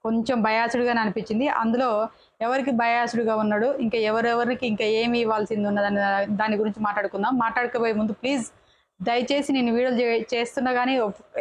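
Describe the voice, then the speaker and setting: A woman's voice: a little high, fairly even intonation, no echo. A woman reviewing a reality show episode in a casual, chatty way, often breaking off and correcting herself mid-word. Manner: chatty, quick restarts and self-corrections.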